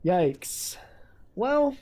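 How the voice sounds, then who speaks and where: A man chats loosely while streaming a video game, rambling, joking and swearing freely into a desk mic at home. His very high voice has a dark tone and big pitch swings, and he talks very slowly.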